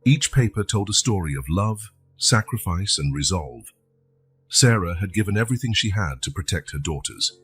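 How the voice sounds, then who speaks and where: A man narrating a scripted emotional story in a slow, solemn way. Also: sits low, expressive, a bit bright, soft background music.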